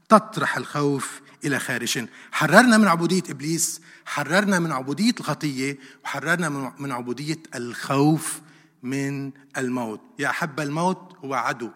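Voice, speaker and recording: Male preacher, fairly high voice, animated sermon full of rhetorical questions, hall reverb. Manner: animated, rhetorical questions, repeats verses for emphasis.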